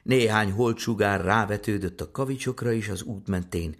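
Low husky male storyteller. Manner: gentle, expressive storytelling. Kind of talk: fairy-tale narration.

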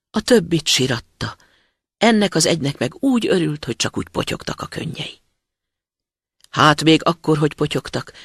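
A storyteller reading a fairy tale aloud dramatically, dropping to a hush at tense moments. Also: mid-range voice, vocal fry, slightly rough, dry recording, clean studio sound.

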